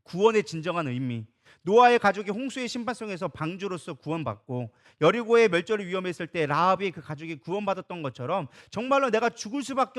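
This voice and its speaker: Male pastor, lively conversational sermon in a church, rapid delivery. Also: sits high. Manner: lively, conversational preaching that acts out quoted dialogue. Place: church sanctuary.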